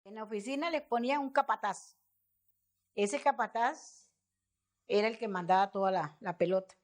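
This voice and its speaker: A woman's voice: medium pitch, normal speed. An older woman with a Guanacaste Costa Rican accent, explaining how the haciendas worked, searching for words as she talks. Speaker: interviewee. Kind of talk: documentary interview.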